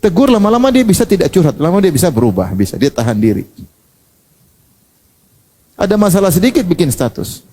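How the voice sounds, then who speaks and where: A man preaches a sermon, and his voice sits a little high with a mellow, warm tone. He keeps things lively and joking. He acts out the people he quotes as he goes. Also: a little fast, pauses often, in a large hall.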